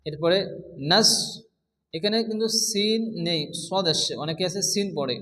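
A man with a high-pitched voice leads a patient recitation lesson, explaining each pronunciation rule before chanting the word slowly several times over. His voice rings with a long hall-like reverb. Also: bright, forceful tone. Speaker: Quran recitation teacher.

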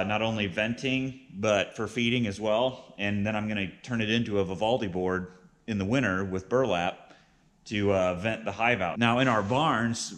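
Speaking on the low side with a fairly bright tone, this thirty-something man explains things plainly as host of his casual how-to vlog about being a beginner beekeeper. Background ambience makes the recording clearly noisy.

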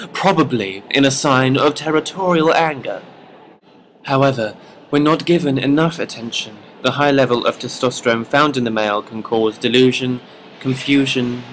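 A man narrating a mock nature documentary in a wry, hushed documentary manner. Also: medium pitch, slight background noise, low-quality recording.

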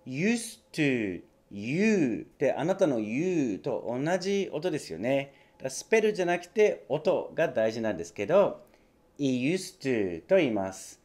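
A man leading an English pronunciation lesson in a slightly raised pitch. He explains clearly and patiently, repeating phrases slowly so learners can follow. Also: very animated, a little mellow. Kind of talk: language lesson.

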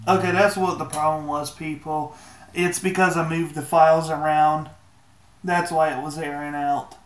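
A man casually talking viewers through a phone software walkthrough, laid-back and joking with mild swearing. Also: fairly high pitch, level tone, moderate pace, echoey room. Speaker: tech tutorial maker. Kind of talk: casual screen-recorded walkthrough.

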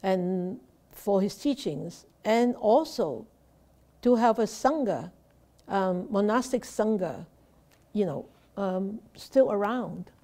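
Slow halting Hong Kong woman teaching. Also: mid-range voice, animated, warm tone. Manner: slow, halting, many restarts and fillers. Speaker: Buddhist nun teacher. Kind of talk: Dharma talk. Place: temple shrine room indoors.

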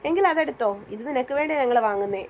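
A woman's voice: high voice, lively intonation, racing, slight background noise. A woman narrator voicing a cheerful young female friend who talks playfully and coaxes. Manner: playful, coaxing.

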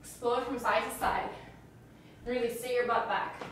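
A woman's voice: fairly high pitch, little pitch movement, a bit bright. Echoey, distant young woman coaching a workout, slightly breathless. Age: young adult. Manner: exercising while talking, breathy pauses between cues. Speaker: fitness instructor. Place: indoors, small carpeted living room. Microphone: camera a few meters away. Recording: echoey room, distant mic, faint noise.

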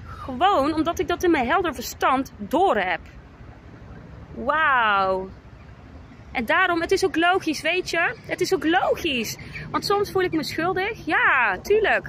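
A woman's voice: sits high, a bit bright, slight background noise, poor audio. A woman in her thirties vlogging emotionally to viewers, exclaiming often and slipping English phrases into her talk. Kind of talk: emotional personal vlog.

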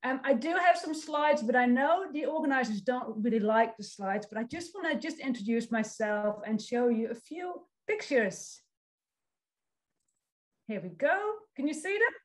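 With a fairly high pitch, lively intonation and a moderate pace, a woman in her forties from the Netherlands presents online to a youth summit via video call. A social work lecturer with a Dutch accent, she is friendly and encouraging and reads out audience comments.

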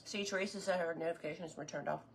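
A woman's voice: on the low side, fairly even intonation, very fast, gravelly, a little hiss or hum. A woman, chatting casually on a live cooking stream while eating, enthusiastic and sometimes talking with her mouth full.

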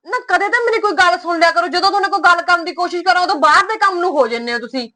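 Sharp, nagging high-voiced Punjabi woman. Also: racing. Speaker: scheming wife. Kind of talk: Punjabi village drama acting.

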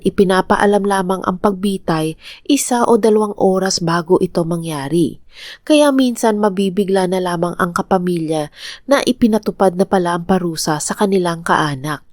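A woman with a Filipino accent narrating a true crime story in a calm, even, scripted read. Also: lowish voice, dry recording, studio quality.

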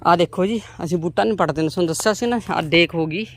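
A woman's voice: fairly low pitch, quick pace. A woman, chatting homely to viewers as she walks outdoors through her farm's vegetable plots. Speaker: vlogger. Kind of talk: casual farm vlog talking to viewers.

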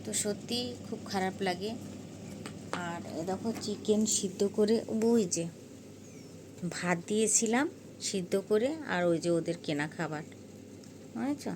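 A woman's voice: medium pitch, a little slow, pauses often, background noise. A woman talking fondly in a casual home vlog, chatting and coaxing her pets with repeated calls. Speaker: cat owner vlogger.

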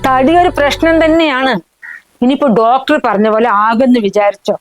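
A woman's voice: high-pitched, a little fast, faint music behind, close to an everyday voice, low-quality recording. A woman playing a scornful scheming mother. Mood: persuading. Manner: scornful, nagging, insulting. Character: scheming, sharp-tongued middle-aged mother. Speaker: mother-in-law. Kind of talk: short film drama.

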